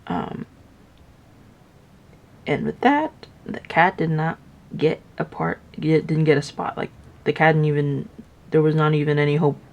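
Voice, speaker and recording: Low, gravelly young woman rambling casually. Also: measured pace, pauses often, darkish tone. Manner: rambling, filler-heavy, with "like" everywhere; jumps into high, playful voices to quote characters. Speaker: vlogger. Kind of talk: casual storytelling while building Legos.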